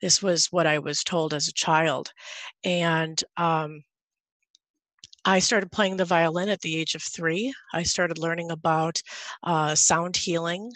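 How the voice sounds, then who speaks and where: Speaking slowly with fairly even intonation, this woman has a low, slightly bright voice, recorded without echo. She's a podcaster from Guatemala in her thirties, a guest in a relaxed video-call interview, talking earnestly through a headset indoors at home and filling her speech with many fillers.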